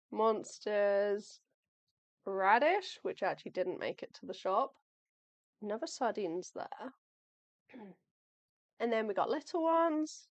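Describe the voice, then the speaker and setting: A young woman live-streams from her home workspace while packing shop orders, her mid-range voice recorded with no room sound. She chats in a friendly, casual way, thinking aloud and apologizing often as her voice wears out and she starts losing it.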